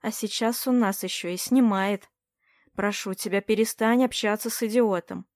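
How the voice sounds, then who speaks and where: A woman voicing an anxious adult wife who scolds her husband in a shrill, reproachful tone. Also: steady tone, normal speed, a little mellow, dry recording, clean studio sound, lightly acted. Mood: irritated.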